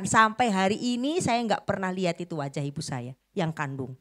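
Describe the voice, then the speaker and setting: A middle-aged woman preaching a sermon, telling a story dramatically and swinging between loud bursts and hushed lines. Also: medium pitch.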